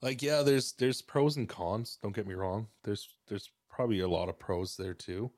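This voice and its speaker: A man from Mexico, a podcast guest, talking in a relaxed, rambling way with lots of fillers and restarts. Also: fairly low pitch, moderate pace, no echo, studio quality. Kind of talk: casual podcast chat.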